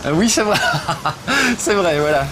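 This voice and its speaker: A man with a high, sing-song voice hosts a video game show, speaking a little slowly amid background noise. While he plays, he keeps up jokey, self-deprecating banter with lots of fillers.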